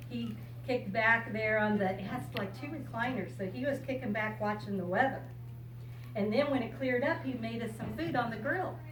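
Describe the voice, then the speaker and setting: A somewhat high-voiced American woman aged 60 or older speaks to kids in a simple, explanatory way, chatting informally and reading a picture book. She's a storyteller and RV lover visiting children, and the audio is echoey, distantly miked, and thick with loud background noise.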